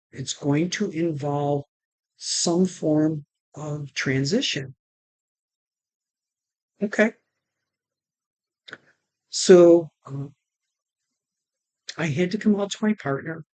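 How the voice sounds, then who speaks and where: A woman vlogger telling her personal story to camera, halting, with restarts, and retelling conversations line by line. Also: low voice, a little mellow, no room sound. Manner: retells conversations with "she goes" and "I'm like".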